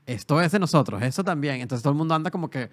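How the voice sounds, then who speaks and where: A Venezuelan man talks quickly and earnestly as a podcast guest, laying out his theories. His voice is somewhat high, and he speaks in rapid runs. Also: expressive. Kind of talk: casual chat.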